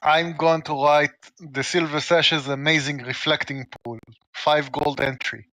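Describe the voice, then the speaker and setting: A man's voice: a little high, fairly even intonation, a little slow, bright, forceful tone, dry recording, rough recording. A playful, joking man bantering casually as a player in a tabletop game.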